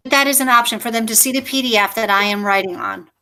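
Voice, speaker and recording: A woman teacher with a slightly high voice asks a question on a video call. She pauses and searches for her words as she talks. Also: pushed and bright, low-quality recording. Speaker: elementary teacher asking questions.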